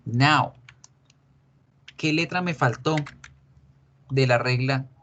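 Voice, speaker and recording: Slow-spoken man teaching. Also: medium pitch, fairly bright tone, muffled recording, slight background noise. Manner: slow, drawn-out explanations with repeated examples. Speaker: English teacher. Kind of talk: recorded online grammar lesson.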